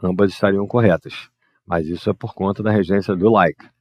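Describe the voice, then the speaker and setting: A man, teaching English grammar and patiently explaining exercises, reading the English examples slowly. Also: sits low, fairly even intonation. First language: Portuguese.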